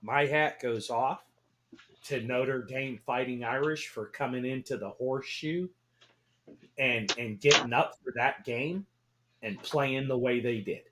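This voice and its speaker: A man co-hosting a casual sports talk radio show, excitable and swearing, often repeating himself. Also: mid-range voice, a little slow, a little hiss or hum.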